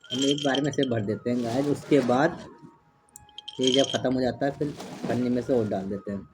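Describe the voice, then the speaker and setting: Over music on a low-quality home recording with clear background noise, a man from India's Garhwal hills talks casually in a Garhwali accent at medium pitch and a fairly quick pace. He's a family vlogger and father chatting at home, rambling and coaxing his child.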